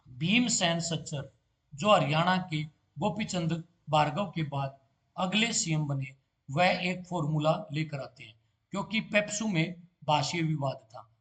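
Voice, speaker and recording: A man's voice: a little high, a bit bright. A man giving an exam-prep lecture, asking quiz questions and answering them himself. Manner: asks a question and answers it himself, "ठीक है" filler. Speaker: competitive exam teacher.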